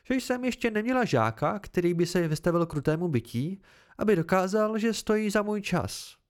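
A fierce, blunt swordswoman who scolds and crows over her student, as a male reader puts her on. Her voice sits higher than the narrator's and swings widely in pitch. It sounds like an amateur storybook reading. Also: animated. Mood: frank.

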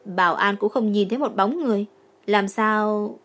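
Woman doing a cocky young policewoman, forceful, proud, audiobook. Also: mid-range voice, moderate pace, faint music behind, close to an everyday voice. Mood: brash.

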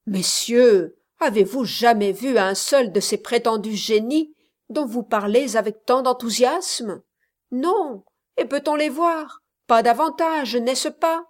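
A pompous male scholar who insists on explaining everything, as a woman reads him aloud. He talks slowly and lectures in a fairly high voice. The storybook reading is measured. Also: expressive. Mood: insistent.

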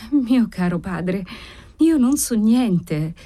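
A woman's voice: fairly high pitch, big pitch swings, a little slow, a little mellow, no room sound, voice pushed up. A woman reading the part of a timid, frightened young noblewoman who answers faintly. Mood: faltering. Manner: faint, hesitant.

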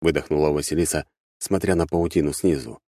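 Deep, mellow male storyteller, measured and wry, dry booth sound. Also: fairly even intonation, no room sound. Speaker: audiobook narrator. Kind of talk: scripted first-person fantasy narration. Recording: dry close studio sound.

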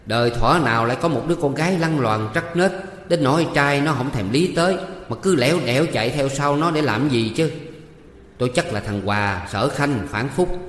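A man voicing a bossy, quick-tempered middle-aged village wife who scolds and shouts threats. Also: medium pitch, lightly acted. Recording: echoey room with long reverb.

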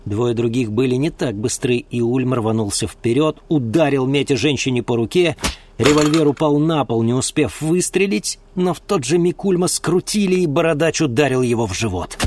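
A man calmly reading an audiobook as the narrator. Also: mid-range voice, normal speed, slight background noise.

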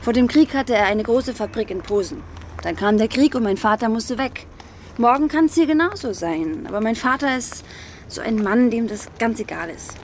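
An actress voices a wealthy, outspoken schoolgirl in a German radio drama, using formal address and probing, emphatic speech that feels earnest and confiding. She sounds a little high and animated at a normal pace, close to an everyday voice, with a slight hiss or hum in the audio.

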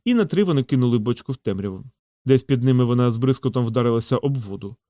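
A male audiobook narrator with a mid-range voice, reading in a steady, measured way. The sound is close and dry, with no room around it. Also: medium pitch, dry recording. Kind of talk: scripted narration.

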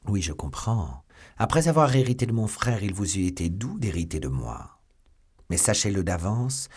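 A sardonic, steely English nobleman, as a male audiobook reader voices him. The voice is deep and husky, close to the reader's own. He speaks in a measured, quietly mocking tone. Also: exaggerated voice. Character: stern English baron, sly and mocking. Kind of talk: audiobook character voice.

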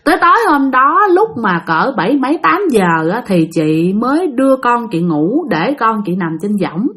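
Woman, storyteller, high-ish voice, very expressive pitch. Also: moderate pace. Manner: animated, talks straight to listeners. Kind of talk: storytelling a spooky real-life tale.

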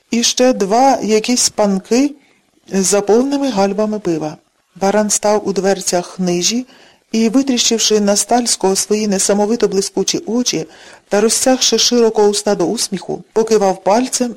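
Woman narrating a classic novel. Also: mid-range voice. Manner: even, measured storytelling. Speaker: audiobook narrator. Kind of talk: scripted narration.

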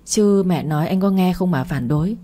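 Woman doing a stern old mother, scolding, low, husky, mellow. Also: moderate pace, natural voice. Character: stern older mother, disapproving then resigned.

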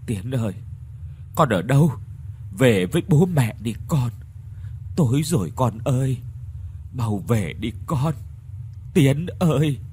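A man's voice: mid-range voice, expressive, slow, long pauses, a little mellow, a little hiss or hum. A man voicing a shaky grieving old father. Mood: numb muttering. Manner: panting, calling out, muttering.

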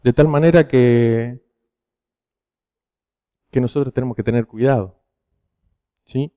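An Argentine youth preacher with a Rioplatense Spanish accent gives a sermon to teenagers, telling stories and frequently checking in with a rhetorical "¿sí?" His medium-pitched voice is warm and clean at a measured pace, though the recording has its highs cut off.

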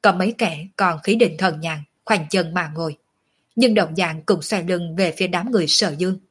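A woman narrating a martial-arts novel as an audiobook, in a steady storytelling manner. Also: on the low side, normal speed, slightly rough.

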